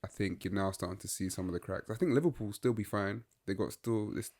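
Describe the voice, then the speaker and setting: A man's voice: on the low side, fast, darkish tone. A young man, co-hosting a casual football chat and rambling through his opinions with lots of fillers. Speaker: podcast co-host.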